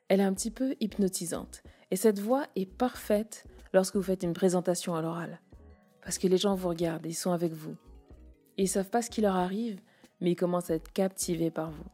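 A woman's voice: mid-range voice, dark tone. A woman giving a casual spoken lesson on using the voice, switching between chest, mask and head voice to demonstrate. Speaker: voice coach.

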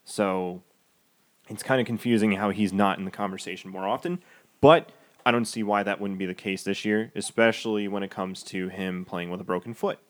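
A man's voice: fairly low pitch, steady tone, normal speed. A man co-hosting a casual podcast, giving firm, sarcastic opinions about sports. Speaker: podcast co-host.

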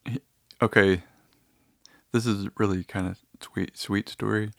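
Low-voiced man rambling casually. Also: fairly even intonation, measured pace, creaky, fairly bright tone, no echo, clean studio sound. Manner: meandering, easygoing storytelling.

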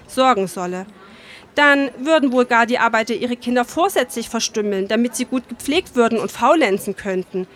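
A woman's voice: on the high side, fairly bright tone, lightly acted. A woman reading the part of a shy young male factory worker in a story, pleading earnestly and sorrowfully.

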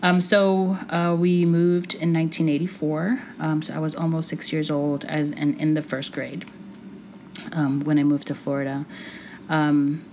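Her pitch barely moves as she talks, low-voiced and unhurried in thought, a podcast guest prone to pauses, ums, and quiet laughs. Born in Puerto Rico, she's in her forties and grew up with Spanish as her first language. Faint room hum lingers in the background.

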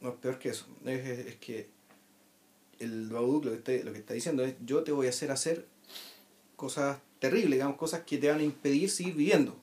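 Chilean man, rapid and emphatic, casual film talk. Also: mid-range voice, fairly even intonation, a little mellow. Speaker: film commentator.

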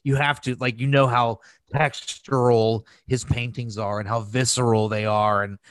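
This podcast host speaks at a moderate pace in a flat, medium-pitched delivery, recorded dry. Chatting casually about movies, he's crass and emphatic, gushing and cursing freely.

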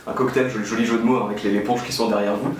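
A man interviewing a business owner, asking structured questions at a brisk pace. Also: on the low side, level tone, a little hiss or hum. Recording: roomy and distant with faint background ambience.

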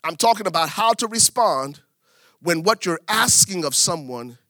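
A middle-aged preacher from Liberia delivers his sermon in a bright, forceful voice that sits a little high for a man. He leans on repetition, swinging his pitch and volume widely to drive each point home. The sound is close and dry. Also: animated, moderate pace, no echo. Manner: preaching with big swings in pitch and volume, repeating phrases for emphasis. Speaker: pastor.

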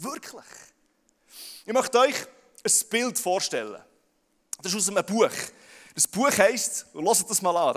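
A young man with a Swiss German accent preaching a sermon to a large crowd, often stammering and repeating words as he speaks to them directly. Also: sits high. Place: large hall with audience. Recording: long hall reverb.

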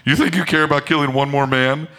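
A man's voice: fairly high pitch, fairly even intonation, quick pace, sharp tone. A man voicing a teenage boy who talks like an ancient, tormented spirit, in a mock-solemn comedic read. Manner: mock-solemn, grandiose delivery. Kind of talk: comedic scripted read-through.

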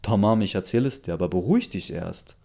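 Ein Mann liest die Rolle eines jungen Freundes, der ruhig beschwichtigt und um Verzeihung bittet. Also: male voice, fairly low pitch, fairly quick, gravelly. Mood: pleading. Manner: calm, pleading. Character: young man, boyfriend pleading and soothing.

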